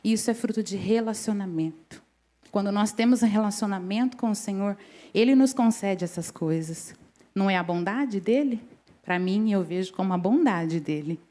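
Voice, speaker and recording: A woman's voice: medium pitch, darkish tone. Chatty woman preaching in church. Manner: conversational, often asks the congregation "né?". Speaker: preacher at a women's service. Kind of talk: sermon with personal stories.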